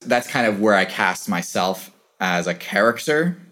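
Low-voiced young man musing casually. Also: lively intonation, unhurried, pushed and bright. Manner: thoughtful, rambling, lots of "like" fillers. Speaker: interview guest, channel creator. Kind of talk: casual conversational interview.

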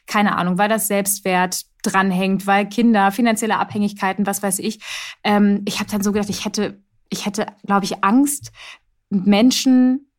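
A woman hosting an interview, asking thoughtful questions while hesitating and searching for words. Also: mid-range voice. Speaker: podcast host, interviewer. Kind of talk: casual interview talk.

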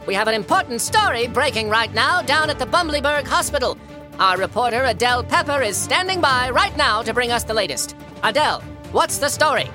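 A man voicing a pompous male asparagus news anchor with a grand, booming newsreader delivery in a cartoon audio play. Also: animated, fairly quick, over music. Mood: announcing.

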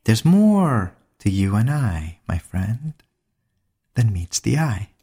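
Slow, gravelly man giving a spiritual talk. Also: lowish voice, very animated, mellow. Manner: slow, deliberate, with dramatic pauses. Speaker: lecturer on mysticism.

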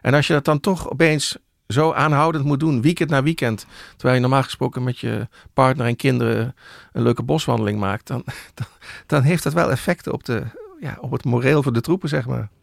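A middle-aged male journalist explaining things in conversation, thoughtful and often pausing with hesitations and restarts. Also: medium pitch, vocal fry, no room sound, studio quality. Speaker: journalist guest.

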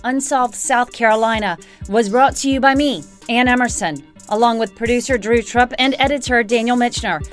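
A woman's voice: on the high side, normal speed, hardly any pauses. A woman hosting a news podcast, reading scripted investigative narration as a reporter. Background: music.

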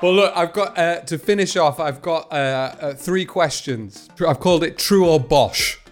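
A man's voice: fairly high pitch, normal speed, soft background music. A man hosting a podcast, running a playful quiz and wrapping up the episode in an upbeat way. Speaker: podcast host. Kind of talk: interview and scripted outro.

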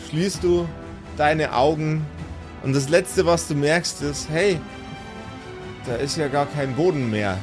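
A fairly high-pitched man acts as game master, narrating an improvised tabletop role-playing game in rich descriptive detail. He repeats words to stress them.

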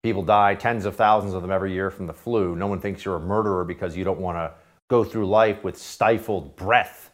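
A man hosting a political talk radio show, delivering sarcastic commentary that swings between loud jabs and quiet asides. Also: deep voice, fairly even intonation, a little fast. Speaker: radio host.

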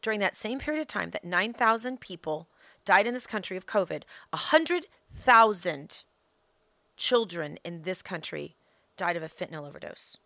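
Bright, forceful woman delivering political commentary. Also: lowish voice, animated, creaky, no room sound. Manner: emphatic, with deliberate repetition for effect; rhetorical questions addressed to listeners. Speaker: political podcast host. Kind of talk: opinionated political monologue.

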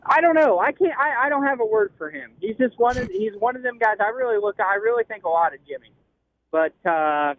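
A man talking on the phone while driving, as a racing driver in a casual interview, halting and repeating words with many fillers. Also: very high-pitched, animated, a little hiss or hum. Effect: heard over a phone line. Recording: tinny dry phone line.

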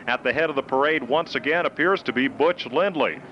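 A man's voice: mid-range voice, brisk, highs cut off, background noise. A man working as a motorsport commentator, describing a live race in full, descriptive sentences.

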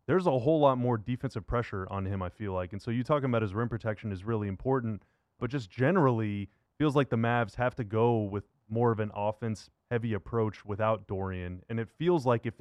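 A sports radio and podcast host with a medium-pitched voice delivers an upbeat show intro and conversational basketball interview. The recording is dry and lo-fi.

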